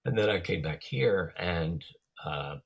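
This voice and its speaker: Low husky man, hesitant casual chat. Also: expressive, slow pace. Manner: hesitant, trailing off, many fillers.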